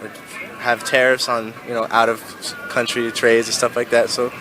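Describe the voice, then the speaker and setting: A man's voice: medium pitch, flat delivery, moderate pace, background noise. A man of twenty answering interview questions outdoors in a casual way, with lots of "like". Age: 20s. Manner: casual, says "like" a lot. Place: outdoors in a city street.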